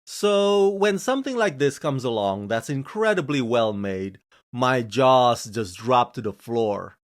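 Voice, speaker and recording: A man's voice: expressive, a little slow. A man from Indonesia hosting his own channel, delivering a scripted series review with gushing, emphatic enthusiasm. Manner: gushing, emphatic delivery with frequent swings in pitch and pace. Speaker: film reviewer and channel host.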